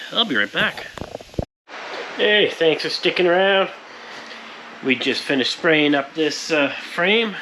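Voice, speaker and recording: In his powder coating workshop, a plain-spoken powder coater shows off his shop's work to viewers in a casual, explanatory, hands-on narration. His voice is a little high with a sharp tone. The audio is poor, and shop noise is clearly audible behind him.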